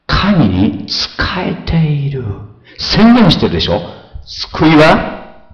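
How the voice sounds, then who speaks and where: A man delivers a lively sermon, his pitch leaping up and down as he moves from hushed asides to ringing exclamations. He keeps questioning his congregation in a conversational way. The sound is roomy and a little dull. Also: slow. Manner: animated, shifts between soft asides and loud exclamations. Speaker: pastor.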